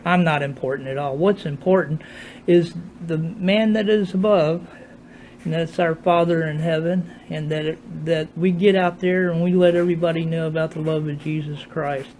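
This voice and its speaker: An older man speaks in a mellow, slightly high voice. His speech is toothless and a little slurred, as if his dentures are out. He rambles in a folksy, devout way, like a casual home vlog, with faint noise behind him. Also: fairly even intonation, moderate pace, poor audio. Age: older, retired. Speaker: motorcyclist video blogger. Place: at home while getting dressed.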